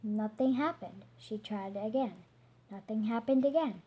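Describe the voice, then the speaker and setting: Woman reading aloud, children's storybook, gentle, trips over hard words, fairly high voice, mellow, slightly breathy. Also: unhurried.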